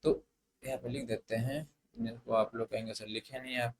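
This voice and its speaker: A man's voice: mid-range voice, fairly even intonation, normal speed, poor audio. A man teaching an English grammar lesson, mixing Hindi and English in a hesitant style with many fillers and restarts. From India.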